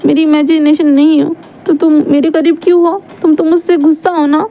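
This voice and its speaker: A woman's voice: sits high, level tone, moderate pace, warm tone, voice pushed up. A woman voicing a drunk, heartbroken young man who weeps and rambles as he repeats himself. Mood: drunk, tearful.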